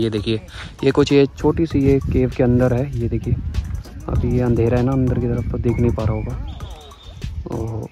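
A travel vlogger with a mid-range voice films a casual walking tour of a zoo outdoors on a handheld camera. He's chatty and enthusiastic, exclaiming often.

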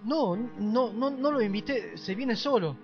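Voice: medium pitch, animated, a little slow, creaky. An anxious young male clerk, begging and melodramatic, as an amateur actor plays him. His mid-range voice comes through a dull, lo-fi recording with faint music behind it. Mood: pleading. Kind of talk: amateur parody drama.

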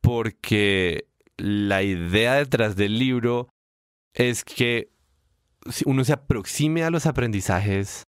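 A man co-hosting a casual podcast, explaining ideas with emphatic rises in pitch. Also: takes it slowly, smooth, dry recording, studio quality. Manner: explanatory, animated pitch jumps when stressing points. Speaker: podcast co-host.

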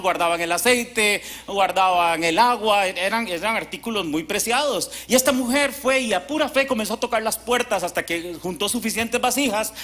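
A male pastor, preaching a sermon at a church service as a lively storyteller who acts out quotes and asides. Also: high voice.

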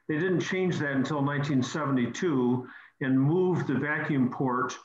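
A man hosting a technical call-in chat, explaining repairs and often repeating words while he thinks. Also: medium pitch. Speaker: host. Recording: roomy video call audio, slightly dull.

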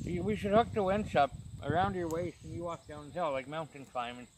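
A worn-out man with a brisk, somewhat high voice co-hosts a dip review channel, trading crude, rambling jokes and swearing constantly. He's on a grassy hilltop outdoors, caught by a camera mic a few steps away with nature sounds behind.

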